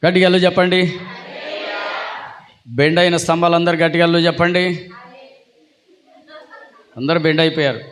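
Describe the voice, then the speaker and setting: Man, pastor, sermon, high pitch, calls for responses, playful teasing. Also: steady tone, brisk, long pauses, a bit bright, slight background noise. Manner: teasing, jokes with listeners. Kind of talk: Telugu church sermon.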